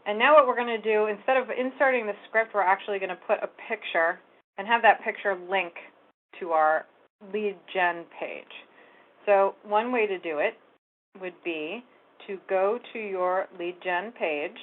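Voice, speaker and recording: A woman walks through a website task on a screen recording, explaining each step in a casual, running way. Her voice sits at an ordinary pitch for a woman. The sound is thin and narrow, like a phone line. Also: normal speed. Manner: casual step-by-step explaining, talks while clicking. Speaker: real estate tech trainer. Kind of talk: screen-share software tutorial. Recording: phone-like narrow band audio.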